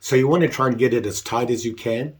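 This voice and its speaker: An older man who vlogs about leatherwork talks casually in his workshop, congested as he recovers from the flu, rambling and poking fun at himself. He has a mid-range voice and talks fast.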